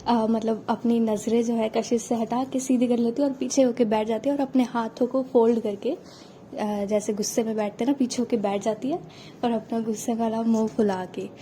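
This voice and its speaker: High-voiced woman casually telling a story. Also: steady tone, normal speed, dark tone, slight background noise. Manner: chatty, conversational retelling with fillers.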